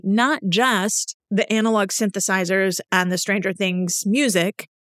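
Recorded dry in studio quality, a woman hosting a podcast talks casually about an event she went to. She's enthusiastic, describes herself as a nerd, and speaks at a medium pitch.

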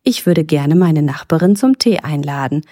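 A woman's voice: deep voice, lively intonation, moderate pace, warm tone, no room sound, clean studio sound. A woman voicing a shy, hesitant male clownfish in a storybook. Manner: hesitant, timid.

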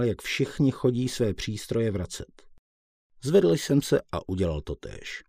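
Low, husky male audiobook narrator. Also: warm tone, no room sound, studio quality. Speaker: audiobook reader. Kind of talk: first-person audiobook narration.

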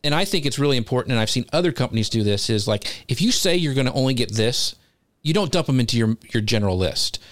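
A male host with a medium-pitched voice in a dry, close recording. He chats casually and feels his way through long, informal questions, poking fun at himself. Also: animated, fast, no room sound. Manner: informal, self-deprecating, meandering questions. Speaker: interviewer, show host. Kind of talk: casual live-show chat.

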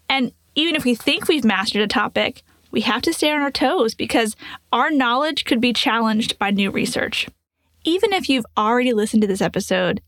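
A woman's voice: mid-range voice, no room sound. Earnest woman nurse podcast host. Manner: earnest, explanatory, rhetorical questions. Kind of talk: scripted podcast storytelling and teaching.

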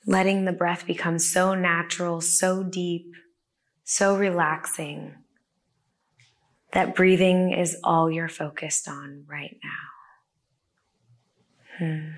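A woman guides a body-scan meditation in a gentle, soothing voice. Her voice sits a little low, and she speaks very slowly, leaving long pauses between phrases. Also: flat delivery. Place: a room with the listeners present.

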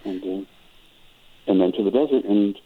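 A man's voice: lowish voice, measured pace, breathy edge. An older man from Wisconsin, a musician guest on a radio interview, talking reflectively and rambling with frequent restarts. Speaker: guest musician and choral director. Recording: tinny phone-like radio audio.

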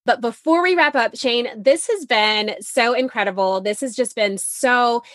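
A woman's voice: fairly high pitch, unhurried, no room sound, studio quality. A woman hosting a podcast, responding to her guest with effusive, enthusiastic praise. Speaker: podcast host. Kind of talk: conversational interview.

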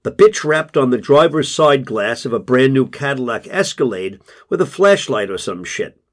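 A man narrating a first-person story in a wry, deadpan way. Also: medium pitch.

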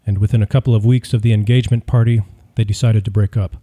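A man reading a true-crime audiobook in scripted narration, measured and even. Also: fairly low pitch.

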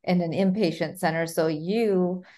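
A woman's voice: fairly low pitch, measured pace, warm tone. A woman hosting an interview podcast, eager and enthusiastic with her guest. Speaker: podcast host. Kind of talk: scripted intro, then interview chat.

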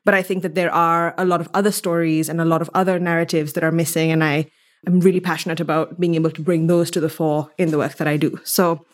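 A young theatre artist from Mombasa, Kenya, speaks as a podcast guest in a low voice with little pitch movement, talking fast. In this conversational interview she tells personal stories reflectively and articulately.

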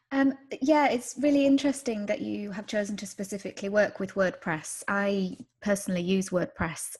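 Female podcast host, mid pitch, upbeat and encouraging, interview manner. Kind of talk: scripted intro, then casual interview.

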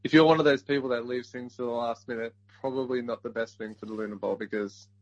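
A man co-hosting a casual sports podcast, jokey and quick to laugh as he plugs an event. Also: medium pitch, steady tone, no room sound, lo-fi sound. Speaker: podcast co-host.

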